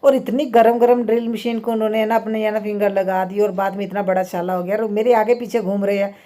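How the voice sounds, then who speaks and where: A woman's voice: mid-range voice, steady tone, fast talker, warm tone. A woman homemaker chatting casually through a vlog in her home kitchen, talking on at length, laughing often and leaning on filler tags. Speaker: homemaker vlogger. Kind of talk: casual vlog chat while doing chores.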